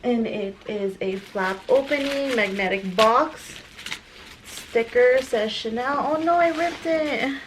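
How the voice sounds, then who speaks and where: A slightly high-pitched woman talks through an unboxing in a slow, drawn-out way, gushing and a little out of breath. She slips into soft whispers at the exciting moments. A steady background noise sits under the recording. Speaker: vlogger.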